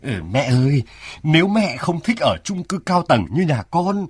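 An actor playing an anxious middle-aged son in a radio drama, talking in a hurried, fussing way with a husky voice. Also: male voice, fairly high pitch, lively intonation. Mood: coaxing.

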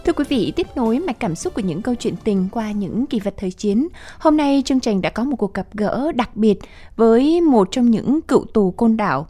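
A woman's voice: on the high side, animated, normal speed, dark tone, soft background music. A woman co-hosting a radio program in a formal, scripted way. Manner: formal, polished.

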